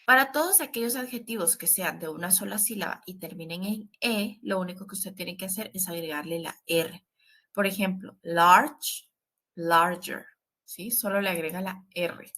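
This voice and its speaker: Bright-voiced woman teaching English grammar. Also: lowish voice, normal speed. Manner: patient, repetitive, stresses warnings with frequent "¿sí?" check-ins. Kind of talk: online grammar lesson.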